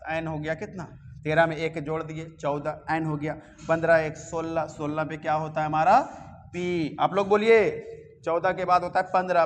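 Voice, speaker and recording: A man's voice: a little high, long reverb tail, a little hiss or hum. A man teaching a reasoning class in a coaching classroom, coaxing his students and checking often that they follow. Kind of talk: classroom lecture.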